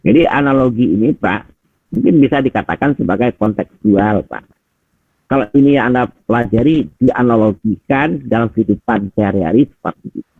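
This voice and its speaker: A middle-aged man who trains teachers gives chatty feedback over a video call, calling his listeners Pak and Bapak Ibu and tossing out frequent rhetorical questions. His husky, medium-pitched voice moves briskly and comes through tinny call audio with no room sound.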